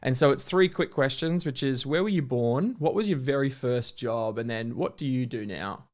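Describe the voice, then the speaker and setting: Eager male podcast host. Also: medium pitch. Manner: enthusiastic, quick-talking with fillers. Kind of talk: casual interview.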